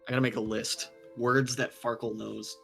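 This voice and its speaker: A man narrating as game master, setting scenes calmly and answering rules questions. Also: mid-range voice, moderate pace, vocal fry, soft background music. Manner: calm, descriptive scene-setting.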